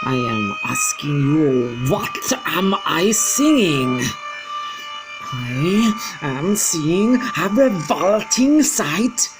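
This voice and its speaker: Grand High Witch, shrieking tyrant. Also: lively intonation, music in the background, full character voice. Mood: ranting. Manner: screaming, drawn-out, ranting. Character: furious screeching female witch leader, tyrannical. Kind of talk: audiobook character voice.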